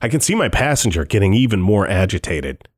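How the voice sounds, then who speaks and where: A man with a fairly low voice narrates a first-person thriller audiobook. His telling is tense and dryly wry, like an anxious inner monologue. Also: very animated, a little fast, slightly rough.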